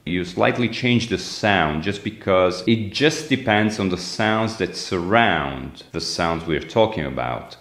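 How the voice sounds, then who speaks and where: A man from Italy teaches phonetics in a very low voice, taking his time over each point. He demonstrates sounds by saying words again and again. His voice carries the echo of a roomy space. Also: animated, fairly bright tone. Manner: explains slowly, demonstrating sounds with repeated words. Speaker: language teacher. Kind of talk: phonetics lesson.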